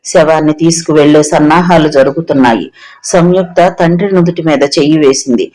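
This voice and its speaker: Guy with a pretty high voice reading a novel out loud, steady and even, audiobook style. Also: a little fast, rough recording. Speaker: audiobook narrator. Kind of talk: scripted novel narration.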